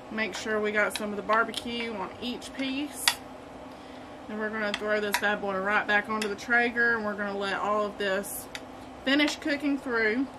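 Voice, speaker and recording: A woman's voice: mid-range voice, background noise. A woman hosting a casual cooking vlog from her home kitchen, chatty and enthusiastic. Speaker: barbecue cooking host.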